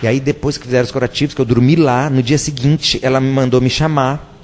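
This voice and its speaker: A man telling a personal story in an emotional, halting way, often repeating himself. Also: medium pitch, fairly even intonation, a little mellow, long reverb tail. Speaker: guest telling his story.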